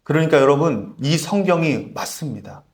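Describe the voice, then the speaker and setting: A man's voice: fairly high pitch, lively intonation, normal speed. A man preaching a sermon as pastor, calling out to the congregation and asking for amens. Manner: call-and-response preaching, repeated "amen?". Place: church sanctuary. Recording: echoey church hall.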